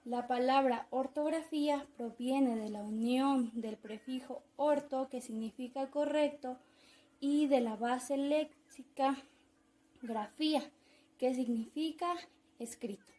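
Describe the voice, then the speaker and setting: Slow, high-voiced young woman. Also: dark tone. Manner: careful, measured reading of definitions and word lists. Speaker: university student presenter. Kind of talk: read-aloud class presentation.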